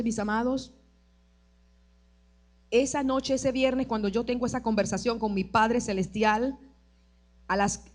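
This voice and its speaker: A woman pastor preaching her testimony at a church service, passionate, moving between loud declarations and soft, tearful recollection. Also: fairly high pitch. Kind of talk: sermon testimony.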